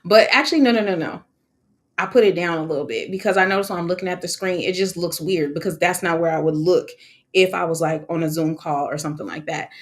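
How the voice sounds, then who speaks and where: A woman hosting a live online session, chatting in an animated, casual way with frequent laughs while she walks viewers through her recording setup. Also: fairly low pitch, quick pace. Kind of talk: casual live-stream walkthrough. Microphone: wearing her own microphone.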